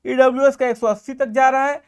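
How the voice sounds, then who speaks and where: A man with a notably high voice talks students through admission details as he stands at a board. His delivery is direct and explanatory, and he often stops to check that listeners are following. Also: steady tone, fast talker, clean tone. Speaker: admissions guidance YouTuber. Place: room with a whiteboard.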